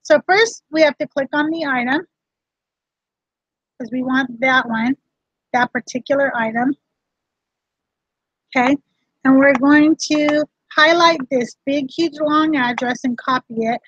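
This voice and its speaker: A woman's voice: high voice, unhurried, pauses often, a bit bright, dry recording. A woman hosting a casual livestream tutorial, chatting straight to her viewers as she explains things. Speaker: reseller vlog host. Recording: dull lo-fi dry sound.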